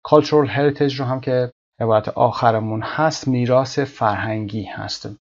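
A man teaching an English vocabulary lesson, explaining words one by one and reading English example sentences slowly and carefully. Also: mid-range voice, muffled recording.

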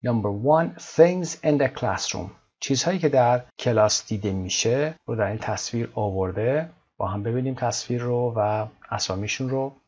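Husky man teaching English vocabulary. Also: mid-range voice, darkish tone. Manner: switches between fast explanation and slow, drawn-out model words. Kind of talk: textbook lesson. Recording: dull lo-fi recording.

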